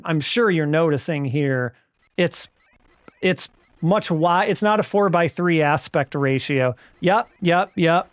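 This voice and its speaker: A man's voice: a little high, smooth, dry recording, clean studio sound. A man hosting a live stream, chatting casually about retro arcade games, often restarting and correcting his sentences. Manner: rambling, restarts sentences, self-correcting, friendly. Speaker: streamer and host.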